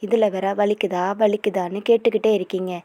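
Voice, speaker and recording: A woman's voice: medium pitch, fairly even intonation, fairly quick, warm tone, lightly acted. A woman voicing a cheeky young man who mocks his nervous brother-in-law, in a storybook reading. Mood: mocking. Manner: mocking, cheeky.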